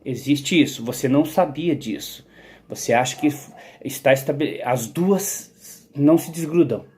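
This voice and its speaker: A man's voice: mid-range voice, moderate pace, darkish tone, slight background noise. A man giving a rambling philosophical monologue about his own theory. He digresses, repeats words and keeps checking "entendeu?".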